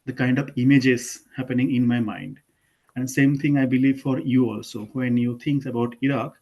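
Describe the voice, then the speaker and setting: An Indian man with an Indian English accent talks students through a slide presentation in an online lesson. His voice sits at an ordinary middle pitch. He speaks informally, with "uh", restarts and self-corrections. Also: fairly even intonation, moderate pace, warm tone, lo-fi sound. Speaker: architect giving an online lesson.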